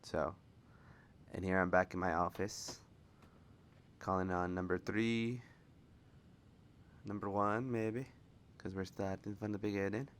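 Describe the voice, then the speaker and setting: A man's voice: deep voice, steady tone, unhurried, long pauses, slight background noise. A man doing casual, rambling commentary over video game footage and laughing often. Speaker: gameplay commentator.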